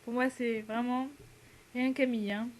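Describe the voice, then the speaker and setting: Speaking at an ordinary pace with a level tone, this teen girl from France sounds on the high side, with a little hiss or hum in the recording. She's an exchange student talking loosely to the camera, laughing, using lots of fillers and dropping in English words.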